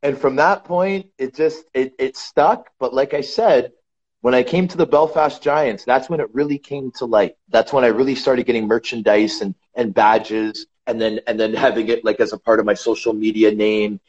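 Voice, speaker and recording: A man appears as a podcast guest, casually and animatedly telling stories about his ice hockey career and calling the host "brother." His mid-range voice moves at a moderate pace, and the recording has a slightly dull lo-fi sound.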